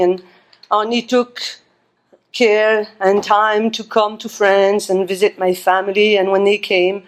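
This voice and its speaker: A woman giving a personal memorial tribute, pausing often with fillers. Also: medium pitch. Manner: halting, many fillers. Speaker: memorial speaker.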